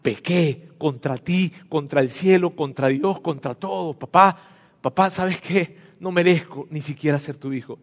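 Un predicador haciendo de hijo arrepentido que suplica. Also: male voice, fairly high pitch, measured pace, in a large hall. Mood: remorseful. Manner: pleading, urgent, repeating "papá". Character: repentant young son begging his father.

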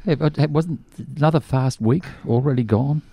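An older Australian man with a slightly croaky voice, chatting casually as a radio co-host. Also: fairly high pitch, normal speed, mellow, no echo. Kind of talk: casual chat.

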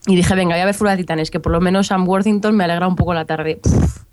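Una invitada de pódcast que habla por Skype y da su opinión de forma franca. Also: female voice, lowish voice, fairly even intonation, fast. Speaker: podcast guest on Skype. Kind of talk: casual podcast chat. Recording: Skype call with crowd noise behind.

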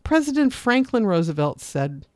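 Expressive speaking teacher, lively pitch. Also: moderate pace, dry recording, clean studio sound. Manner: expressive, varies voice to demonstrate points. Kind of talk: scripted instructional narration.

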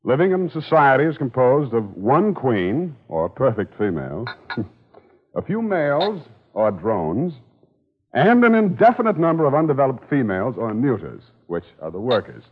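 A man's voice: mid-range voice, very animated, normal speed, breathy edge. An actor playing a wisecracking hard-boiled male private eye in a 1940s radio drama, dry and sardonic, on a dull old transcription.

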